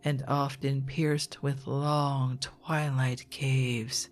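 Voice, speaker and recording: A narrator gives a quiet ASMR reading at a very slow, measured pace. The voice is soft and hushed, often slipping toward a whisper, with a calming delivery. Music plays behind it. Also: mid-range voice. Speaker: narrator, reader. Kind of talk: ASMR quiet reading of an old geology book, scripted narration.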